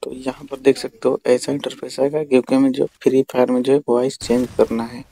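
A tutorial video host gives a casual how-to voice-over on a screen recording, speaking directly to viewers and repeating himself. His mid-range voice is creaky and dark, with little pitch movement and a brisk pace.

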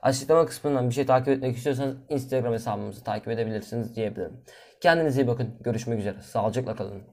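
A man talks through his own gameplay to the audience in a loose, chatty way. His voice sits at an ordinary middle pitch, often dropping to a mutter before bursting out in loud, cursing exasperation. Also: fast talker. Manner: chatty, drifts between low mumbling and sudden loud outbursts; cursing, exasperated asides to viewers. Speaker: gaming video host. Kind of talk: solo gameplay commentary.

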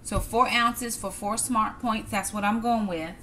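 A middle-aged woman talks her viewers through a home-cooked meal, calling them "y'all" in an easy, chatty way. Her voice sits at an ordinary pitch. She is picked up by a camera on the kitchen counter, with clear clatter of pans, dishes and cutlery behind her. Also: steady tone, measured pace, pushed and bright, a little hiss or hum. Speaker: cooking vlogger. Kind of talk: casual cook-with-me narration.

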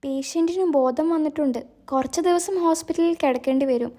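A woman doing a stern, brisk doctor. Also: sits high, mellow, close to an everyday voice. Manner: brisk, firm, reproachful.

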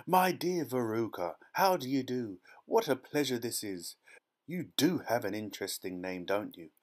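A man voicing an excitable, eccentric old factory owner in a storybook, high and fluty, effusive and fussily polite. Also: unhurried. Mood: gushing.

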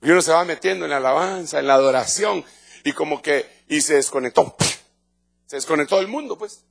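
A middle-aged Guatemalan pastor preaches to his congregation in an emphatic, conversational way, repeating phrases and restarting his sentences. His voice sits high for a man, with a gravelly, husky edge. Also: a little fast, soft background music. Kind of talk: evangelical sermon. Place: church in front of a congregation.

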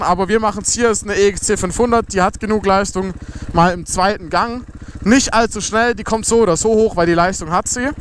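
Riding along a closed road, a young man with a high voice offers casual motorcycle tutorial commentary for his motovlog. The helmet or body camera picks up a faint hum of the motorcycle engine behind him.

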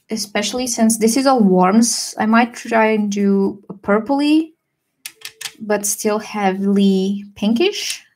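A young woman livestreaming a watercolor session, chatting casually and relaxed with fillers and small laughs. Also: fairly high pitch, slight background noise. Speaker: watercolor artist streamer. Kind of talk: casual livestream chat while painting.

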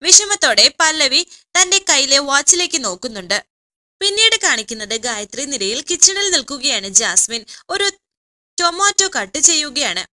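Woman, narrator, serial episode recap, high pitch, very bright voice. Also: very animated, moderate pace.

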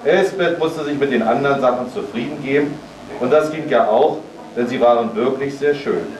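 Brief: male reader telling a Christmas tale at a party, measured and lively, recorded from a distance in a reverberant hall. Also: mid-range voice. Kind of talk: reading a Christmas story aloud. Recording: roomy sound from far off.

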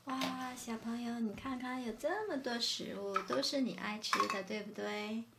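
A woman's voice: a little high, moderate pace. A woman narrating toy play for small children, exclaiming and coaxing in simple words as if reading to a toddler. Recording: distant mic, loud noise, clattering toy pieces.

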